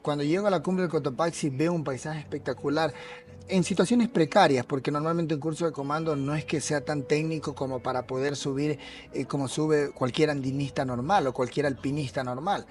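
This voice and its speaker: A man with a coastal Ecuadorian accent, a mountaineer and police officer, telling his story in an earnest, halting way during a café interview. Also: a little high, steady tone, darkish tone. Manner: earnest, repeats words while searching for them. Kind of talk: casual interview.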